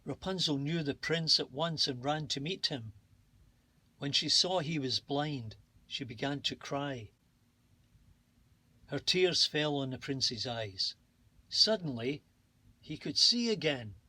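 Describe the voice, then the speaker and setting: A man narrating a children's bedtime story at an unhurried, gentle pace. His voice is bright with a slightly husky, breathy grain, and the reading stays calm and soothing. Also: fairly high pitch. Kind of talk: bedtime story read-aloud.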